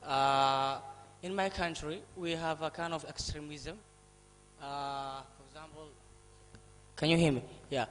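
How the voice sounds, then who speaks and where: A man's voice: fairly high pitch, fairly even intonation, fairly bright tone, a little hiss or hum. Hesitant Somali man in a hall. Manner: hesitant, halting with fillers. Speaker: audience member asking a question. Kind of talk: conference Q&A question. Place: large conference hall. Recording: reverberant conference hall.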